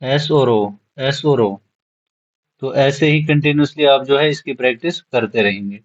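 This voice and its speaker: A man's voice: mid-range voice, a little slow, dull audio. A man teaching a beginners' lesson, spelling out words letter by letter and repeating them patiently. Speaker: shorthand teacher. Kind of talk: classroom lesson.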